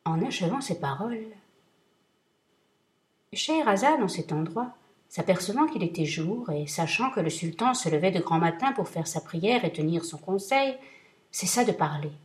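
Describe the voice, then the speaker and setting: A woman narrating a classic tale in a steady, measured reading voice. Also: on the low side. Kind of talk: storybook reading.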